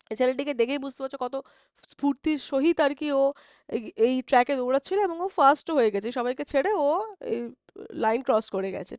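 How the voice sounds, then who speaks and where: Her high-pitched, slightly mellow voice comes through a dry, clean studio recording. She has a Bengali accent and leads a live online exam-prep class on English vocabulary, explaining things in Bengali, reading the English definitions slowly and frequently checking "ঠিক আছে?".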